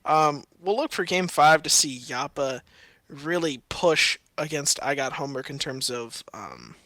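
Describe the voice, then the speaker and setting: A man's voice: on the high side, lively intonation, measured pace, bright, forceful tone, no echo. A young man giving analytical color commentary on an esports match, with frequent ums and easy laughter. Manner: analytical, filler-heavy, laughs easily.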